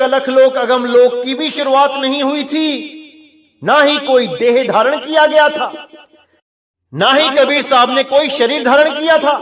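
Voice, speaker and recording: A man's voice: very high voice, a bit bright. A man giving an earnest devotional sermon, urging his listeners and calling them brothers. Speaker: preacher.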